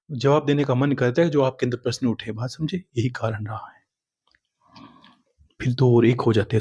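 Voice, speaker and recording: A man, a spiritual teacher, giving a calm spiritual discourse that tells stories and answers followers' questions. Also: mid-range voice, husky, no room sound, clean studio sound.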